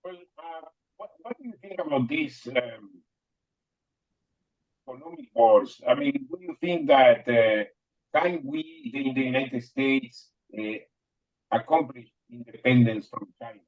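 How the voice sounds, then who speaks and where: A man asking halting questions in a webinar, his audio breaking up over a bad video call connection. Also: mid-range voice, expressive, creaky, highs cut off. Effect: choppy audio breaking up over a bad connection.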